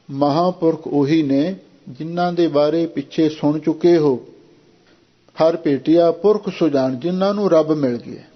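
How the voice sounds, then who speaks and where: A man giving a Sikh devotional sermon, slowly intoning scripture verses and then explaining them in plain talk. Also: a little high, dull audio.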